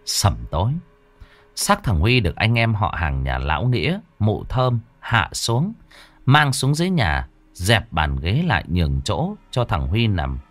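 A male storyteller narrating a ghost story in a lively, dramatic way. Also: on the low side, no room sound.

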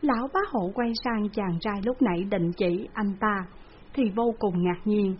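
A woman narrates a spooky folk tale, measured and dramatic. Her pitch sits in the middle, and the recording is dull and lo-fi. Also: slight background noise. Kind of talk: storytelling narration.

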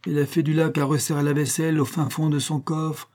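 Reading aloud, a man voices a sly, lively young husband who teases his father-in-law in an easy-going, phlegmatic, mocking way. His mid-range voice is mellow and at normal speed, pitched a bit above his own but close to everyday speech.

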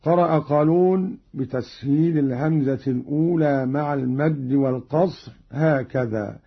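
A husky, slightly high-voiced man explains recitation variants at a very slow, deliberate pace. He breaks into melodic chanting for each example verse. The recording is dull and lo-fi. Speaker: Quran reading teacher.

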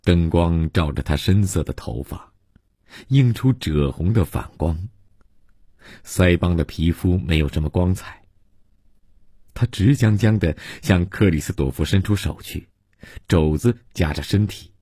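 A man reading a serialized novel aloud for radio in a measured, deliberate narration. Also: low-pitched, animated, warm tone, breathy edge, no echo, studio quality. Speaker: storyteller.

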